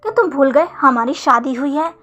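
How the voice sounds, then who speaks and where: A woman's voice: sits high, moderate pace, pushed and bright, muffled recording. A woman voicing a cheeky, stubborn young married man who talks back defiantly, in a storybook retelling. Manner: defiant, teasing, then wailing.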